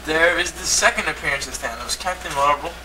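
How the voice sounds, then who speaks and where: A man's voice: a little high, fairly quick, distant mic. Man on a hissy old VHS home tape. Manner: put-on presenter voice. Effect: old VHS home video tape. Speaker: presenter of a comic collection. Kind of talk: mock TV-presenter showing comics. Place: home, indoors. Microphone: camcorder mic across the room.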